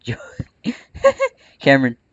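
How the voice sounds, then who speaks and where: A gaming channel host with the hiccups chats casually over gameplay, throwing in a bit of playful trash talk. He speaks slowly in a fairly bright tone, recorded lo-fi on a close desk microphone with no room sound.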